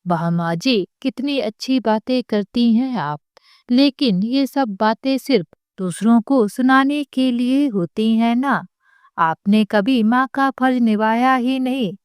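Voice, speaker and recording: Woman playing a furious young daughter-in-law, scornful and sarcastic, fairly high, slow and clear. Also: dry recording, clean studio sound. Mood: angry, scornful. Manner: shouting, scornful.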